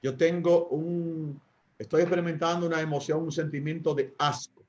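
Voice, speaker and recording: A Dominican priest teaches couples in a somewhat high voice, stopping on fillers and putting questions to his listeners. The sound is dull and lo-fi, like audio from an online call. It has the slow, questioning rhythm of a lesson. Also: steady tone. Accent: Dominican Spanish. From Dominican Republic. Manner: asks the audience rhetorical questions, hesitates with fillers. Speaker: priest giving a talk.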